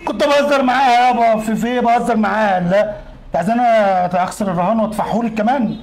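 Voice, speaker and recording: Comedy sketch: male actor as an Egyptian brother, pleading and stuttering, high voice, fast talker. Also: background noise. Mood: sheepish. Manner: pleading, stammering. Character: young adult brother dodging a lost bet.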